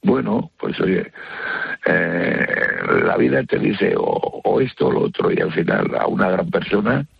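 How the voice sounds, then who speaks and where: An older man from Spain with a gravelly smoker's rasp, chatting haltingly as a listener calling in to a radio show. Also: low-pitched, dry recording. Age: older, early retired. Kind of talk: casual conversation, personal account. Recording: dull lo-fi call to radio.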